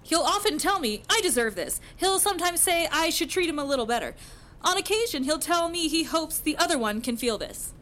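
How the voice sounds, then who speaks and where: Woman doing a bright little ai helper voice, flat clipped replies, kinda lost. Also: high voice, fairly quick. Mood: deadpan. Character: bewildered female AI assistant, newly freed.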